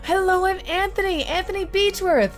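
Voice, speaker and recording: A woman's voice: extremely high pitch, normal speed, soft background music, pitched above the performer's own voice. A woman voicing a polite, eager new schoolboy in a video game. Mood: friendly.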